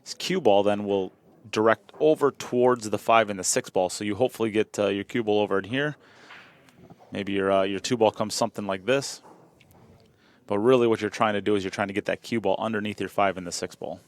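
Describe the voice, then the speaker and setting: A man's voice: on the low side, fairly quick. A man commentating a pool match in a chatty, joking way, often repeating himself. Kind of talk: live sports commentary.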